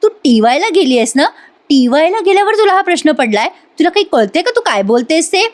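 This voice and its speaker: A woman's voice: high voice, big pitch swings, fast talker, pitched above the performer's own voice. A woman doing a strict, scolding male professor. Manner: scolding, impatient.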